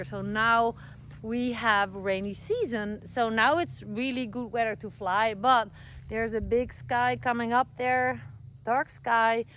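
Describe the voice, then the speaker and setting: Outdoors in a garden where trees are going in, a middle-aged vlogger from the Netherlands chats to the camera in a slightly high, fairly bright voice with a Dutch accent. She fills her speech with fillers and self-corrections, over slight background noise.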